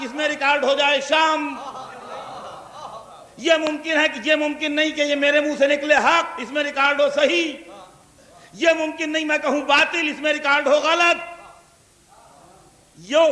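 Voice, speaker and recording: A man's voice: very high-pitched, bright, forceful tone. A man with a Lucknow Urdu accent delivering a religious sermon to a large gathering, explaining with repeated examples and asking the audience questions. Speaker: preacher delivering a majlis. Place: large hall before a gathering. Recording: echoey hall recording, 1982 tape.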